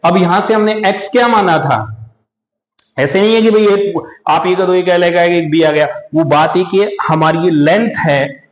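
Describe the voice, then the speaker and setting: A man runs a maths class, walking through each step and calling the students "beta". His voice sits a little high, and the room gives it a roomy echo. He slows down when he reads English problem text aloud. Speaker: maths teacher. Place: coaching classroom. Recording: echoey room.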